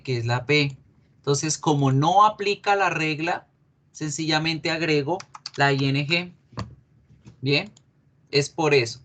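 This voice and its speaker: A male English teacher giving a class, explaining patiently, repeating key words slowly and asking students questions. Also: mid-range voice, fairly bright tone.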